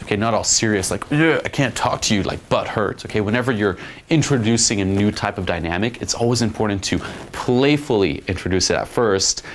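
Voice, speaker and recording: A man teaching dating tactics in a slightly low voice. He talks bluntly and casually and swears freely. There is a faint hiss behind him. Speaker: dating coach. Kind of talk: instructional monologue.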